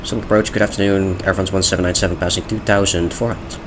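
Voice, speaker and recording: A man's voice: low voice, level tone, quick pace. A man playing a pilot in a flight simulator, reading back air traffic control instructions and calling out takeoff steps in a clipped, procedural way. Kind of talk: pilot cockpit radio calls and callouts.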